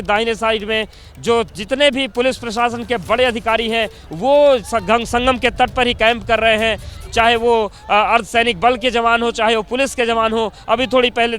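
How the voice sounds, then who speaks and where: Bright-voiced man reporting live outdoors. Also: very high-pitched, clean tone. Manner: descriptive, guiding the viewer. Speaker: field reporter.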